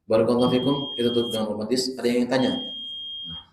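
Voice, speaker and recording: Lively preacher man in an echoey prayer room. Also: medium pitch, racing, noisy background. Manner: lively, swings from soft asides to loud exclamations; animated storytelling with acted-out quotes. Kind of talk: Islamic dawn study sermon.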